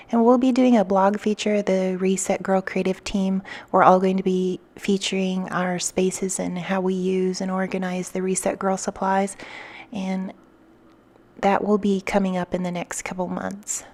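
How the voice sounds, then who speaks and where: A woman's voice: medium pitch, darkish tone. A woman giving a casual craft tutorial as a vlogger, chatting through each step as she works. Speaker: craft vlogger and design team member.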